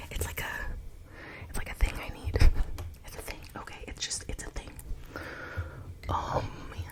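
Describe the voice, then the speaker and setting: A young beauty vlogger whispers her way through a makeup tutorial, rambling with lots of fillers, chatting self-consciously, and asking viewers to leave comments. She speaks a little slowly with long pauses, and the recording quality is low.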